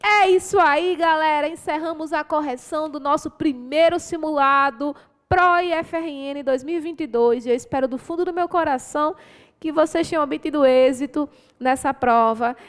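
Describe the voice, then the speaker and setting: A woman's voice: sits high, moderate pace, big-room sound. A Brazilian woman teacher going through exam answers, explaining patiently and encouraging her students, often checking in with tag questions.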